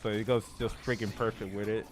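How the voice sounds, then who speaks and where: A man's voice: fairly low pitch, little pitch movement, fast, a crowd in the background. A man co-hosting a gaming stream while playing, reacting briefly and laughing along. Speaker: co-host playing a video game. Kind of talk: casual gaming stream chat.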